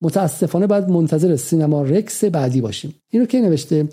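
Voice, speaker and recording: Commentary host, man, higher-pitched and very bright tone, argumentative monologue with emphatic repetition. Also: expressive, slightly rough. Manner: argumentative, repeats phrases for emphasis.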